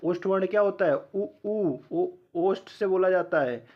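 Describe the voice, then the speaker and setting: A man's voice: high-pitched, normal speed, muffled recording. A man teaching an exam-prep lecture, asking learners questions and answering them himself, sounding out letters one by one.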